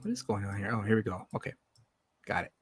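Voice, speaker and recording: A man's voice: on the low side, big pitch swings, fast, breathy edge, no echo, clean studio sound. A man hosting a livestream interview, easygoing, reading out viewer questions with short acknowledgments. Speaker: host.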